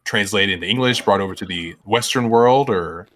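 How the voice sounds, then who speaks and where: A man co-hosting a podcast, talking casually with many pauses and fillers. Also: lowish voice, fairly bright tone, slight background noise. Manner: halting, full of fillers. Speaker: podcast co-host. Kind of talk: casual chat.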